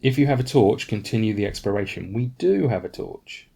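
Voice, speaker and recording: Low male voice, relaxed host of a solo board game playthrough who reads the rules and thinks aloud. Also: a little fast, gravelly, slightly rough. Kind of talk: casual tabletop playthrough.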